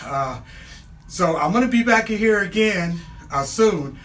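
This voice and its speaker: Bright, earnest middle-aged male interviewer. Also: sits high, animated, a little slow, far from the mic, slight background noise. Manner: earnest, laughs often, speaks to viewers. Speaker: interviewer visiting a jiu-jitsu school. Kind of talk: casual on-camera interview. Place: indoor martial arts training gym.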